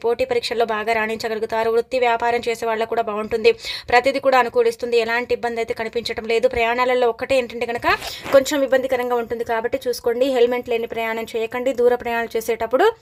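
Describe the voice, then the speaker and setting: A woman astrologer giving a horoscope forecast in a steady, advice-giving way, with frequent verbal fillers. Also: fairly high pitch, very fast.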